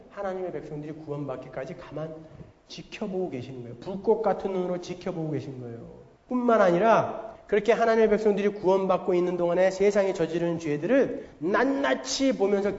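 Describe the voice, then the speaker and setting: High-voiced male pastor preaching emphatically. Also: darkish tone. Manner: emphatic, asks the congregation rhetorical questions. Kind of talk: sermon. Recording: long hall reverb, dull lo-fi sound.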